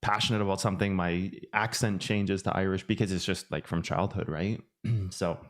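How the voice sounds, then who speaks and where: This finance channel host has a low, steady voice and keeps a moderate pace. Chatting casually on a livestream, he rambles loosely, often restarting sentences and leaning on fillers.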